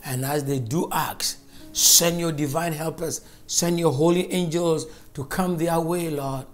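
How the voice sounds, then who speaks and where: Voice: medium pitch, fairly even intonation, measured pace, faint music behind. A preacher giving a fervent, emphatic sermon and spoken prayer, repeating phrases for stress.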